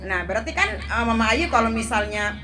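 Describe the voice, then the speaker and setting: A woman's voice: on the high side, animated, a little fast, bright, forceful tone. A woman leading a women's study group, giving an informal talk to a live audience. She jokes with them and keeps asking them questions. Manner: playful, quizzes the listeners and jokes.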